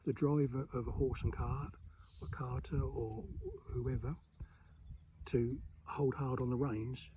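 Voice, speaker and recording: A man with a broad East Anglian accent from the Suffolk dialect tradition speaks as an informal expert presenter. His delivery is colloquial and emphatic, pausing to spell out meanings at a mid pitch. The recording has clear background noise and clicks. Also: warm tone. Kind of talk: informal explanatory talk on dialect.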